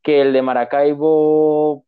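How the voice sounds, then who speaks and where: A man's voice: on the high side, slow, smooth. A young man from Táchira with an Andean Venezuelan accent, telling crude stories in casual banter and acting out the dialogue. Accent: Venezuelan Andean (gocho). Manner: animated storyteller acting out dialogue. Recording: slightly dull lo-fi audio.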